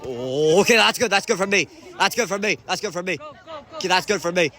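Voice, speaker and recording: A man giving excitable sideline commentary on a youth soccer match, groaning and shouting as plays unfold. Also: sits high, fairly quick. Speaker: amateur commentator.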